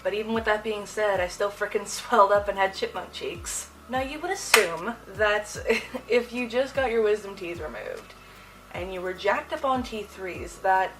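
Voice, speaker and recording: A young adult woman hosting a casual storytime vlog, talking in an animated, slangy way. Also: medium pitch, normal speed, recorded from a distance, rough recording. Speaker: video host. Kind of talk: casual personal storytime to camera.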